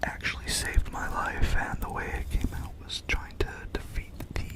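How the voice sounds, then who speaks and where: A man speaking in a breathy, unvoiced ASMR whisper, rambling through semi-intelligible storytelling. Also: normal speed. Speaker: ASMR video creator.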